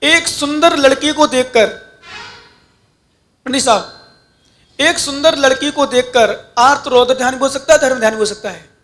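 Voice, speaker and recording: High-voiced man preaching a fervent sermon. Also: moderate pace, pauses often, a bit bright. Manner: fervent, prayerful pleading with rhetorical questions; addresses listeners directly with instructions. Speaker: Jain monk preacher. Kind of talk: devotional sermon.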